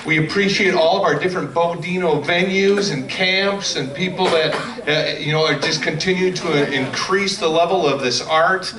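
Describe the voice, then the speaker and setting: A man's voice: on the high side, moderate pace, hardly any pauses. A man making event announcements to a convention audience in a plain, businesslike way. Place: convention hall. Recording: echoey hall, distant mic, crowd behind.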